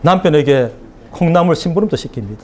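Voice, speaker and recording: A man's voice: a little high, expressive, fast talker, dark tone. A man preaching a sermon to a congregation, conversational, acting out everyday dialogues between family members as illustrations. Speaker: pastor. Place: church hall with congregation.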